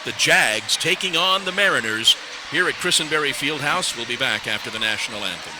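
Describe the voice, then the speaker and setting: A man's voice: mid-range voice, expressive, a little fast. A man opening a college basketball broadcast as play-by-play announcer, in an easygoing, chatty manner. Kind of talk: sports broadcast intro. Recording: noisy arena ambience.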